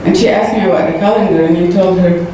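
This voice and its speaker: A woman from Saudi Arabia, Arabic being her first language, stands before a congregation in a church hall as a guest giving her testimony, earnest and halting and using fillers. Her lowish voice is warm, with fairly even intonation, and the echoey recording sounds distant and noisy.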